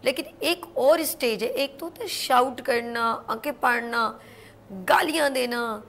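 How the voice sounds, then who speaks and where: A woman hosting a studio talk show from Pakistan, speaking in an emphatic, preachy way that builds to forceful warnings. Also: high voice. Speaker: morning show host.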